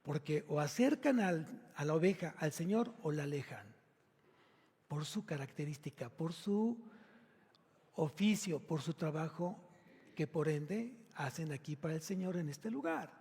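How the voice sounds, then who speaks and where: Husky-voiced pastor preaching in a big hall. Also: male voice, a little high, lively intonation, unhurried. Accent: Mexican Spanish. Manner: emphatic preaching, rising to loud exclamations; questions the congregation directly. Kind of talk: sermon. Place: church sanctuary.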